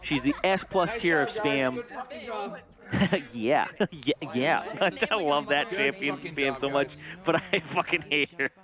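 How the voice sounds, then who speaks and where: A young man doing relaxed color commentary on a video game match, joking and laughing often. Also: on the high side, takes it slowly, a crowd in the background. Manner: laughs often, jokey banter. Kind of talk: casual co-commentary.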